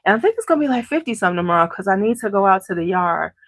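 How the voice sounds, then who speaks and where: A beauty channel host from around Chicago, congested, talks rapid-fire at medium pitch with big swings up and down. The sound is clean studio quality with no echo, and she chats casually with her live viewers, greeting each by name.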